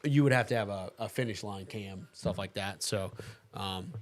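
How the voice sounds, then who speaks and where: A man's voice: lowish voice, moderate pace. A man hosting a casual talk show, easygoing, laughing often and talking with plenty of fillers and restarts. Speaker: host. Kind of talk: casual chat.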